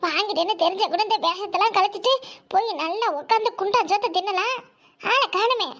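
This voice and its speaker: A woman voicing a bossy village daughter who fakes her own death and gossips and scolds loudly in a cartoon comedy. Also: very high-pitched, a little fast. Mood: gossipy. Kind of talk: cartoon voice acting.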